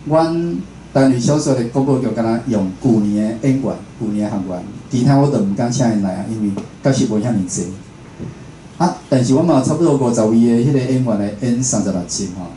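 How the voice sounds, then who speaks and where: A man with a dark-toned, mid-range voice and a slightly fast delivery talks informally to a seated audience at an indoor venue. He's a radio host and programme producer with a Taiwanese accent, and he tends to end phrases with a small confirming tag. The recording is roomy and echoey with faint background noise.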